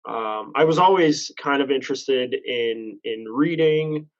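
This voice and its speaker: On lo-fi audio, a twentysomething Canadian podcast guest talks in a mid-range voice at a measured pace. His casual chat wanders, with frequent self-corrections and the occasional laugh at his own expense.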